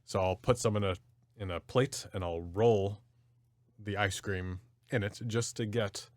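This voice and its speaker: A man's voice: on the low side, steady tone, measured pace, a little mellow, no echo. A man co-hosting a podcast, chatting casually and describing things with enthusiasm. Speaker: podcast co-host. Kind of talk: casual chat.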